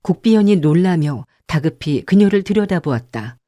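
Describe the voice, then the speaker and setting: A woman narrating an audiobook in a calm, measured storytelling manner. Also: fairly low pitch, no echo. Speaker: audiobook narrator and channel host.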